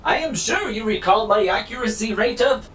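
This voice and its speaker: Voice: expressive, normal speed, a bit bright, lightly acted. An actor voicing a glitchy weather-forecasting robot that talks in stiff formal phrases and stutters when it malfunctions. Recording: distant mic, faint rumble.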